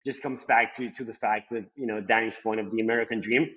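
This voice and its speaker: A young Colombian man, a native Spanish speaker with a Colombian accent, is a guest on a podcast, answering casually in a loose, rambling way packed with "like" and "you know." His husky voice is fairly low and a bit bright, with fairly even intonation, and he talks fast. The lo-fi recording sounds slightly dull.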